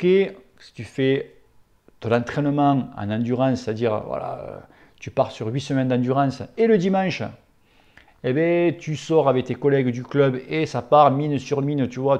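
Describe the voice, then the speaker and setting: A man answering viewer questions about cycling in a casual, plain-spoken way. His voice is gravelly and dark, and he talks bluntly and familiarly, without mincing words. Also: medium pitch. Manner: blunt, familiar and outspoken, with crude slang.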